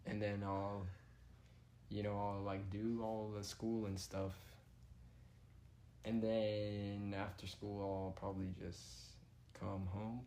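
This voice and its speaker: A man's voice: lowish voice, little pitch movement, slow, pauses often, warm tone, a little hiss or hum. A teenage boy in a casual chat, hesitant and unsure of himself.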